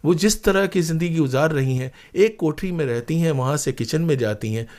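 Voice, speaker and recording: Here a former radio broadcaster and playwright from India talks as an interview guest, his voice fairly high, a touch fast and slightly mellow. His storytelling is earnest and reflective, full of repeated emphatic phrases and rhetorical questions.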